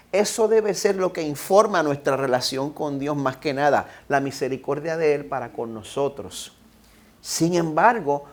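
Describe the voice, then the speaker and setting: Un pastor con acento puertorriqueño predicando ante su congregación, que lee las Escrituras con énfasis pausado y exhorta directamente a los oyentes. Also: male voice, fairly high pitch. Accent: Puerto Rican Spanish. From Puerto Rico. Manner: reads scripture slowly and emphatically, then exhorts the congregation directly. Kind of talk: sermon. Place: church sanctuary.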